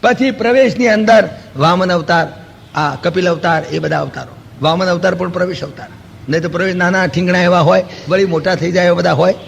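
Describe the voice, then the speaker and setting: Gravelly Gujarati man lecturing in a hall. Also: high voice, brisk, a little hiss or hum. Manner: storytelling with rhetorical questions and homely examples; acts out quoted dialogue in lively asides. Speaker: spiritual lecturer. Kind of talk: Vedanta discourse. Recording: long hall reverb.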